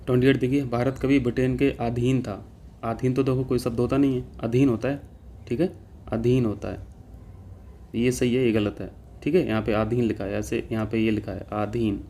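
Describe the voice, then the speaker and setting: Dark-voiced man teaching an exam class. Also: medium pitch, a little hiss or hum. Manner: explains step by step, keeps checking with "ठीक है". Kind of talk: exam-prep lesson.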